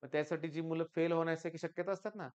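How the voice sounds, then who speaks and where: A middle-aged man from Maharashtra with a Marathi accent, a tutor giving a motivational coaching talk to exam students, emphatic and repetitive, swinging between loud stresses and quiet asides. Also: fairly high pitch, flat delivery, fast talker, clear, resonant tone, lo-fi sound. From Maharashtra, India. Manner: emphatic, often repeats "lakshat ghya".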